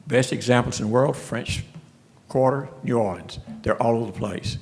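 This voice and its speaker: A man's voice: mid-range voice, normal speed, a little mellow, a little hiss or hum. A man giving a folksy, storytelling presentation at a city commission meeting. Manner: folksy storytelling, frequent restarts. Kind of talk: casual presentation.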